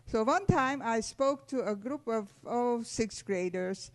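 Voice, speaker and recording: An elderly woman gives a testimony talk to a room of students. She speaks in a measured, deliberate way and addresses the children directly. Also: on the high side. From Hungary. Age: 80s. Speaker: Holocaust survivor speaking to students. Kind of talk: testimony talk to a school audience.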